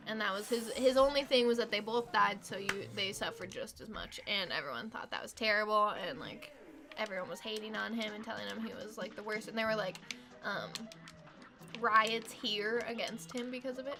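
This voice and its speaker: A woman's voice: mid-range voice, a little fast, over music. A young woman chatting casually while playing a video game, giggling and swearing freely. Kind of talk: casual gameplay chat.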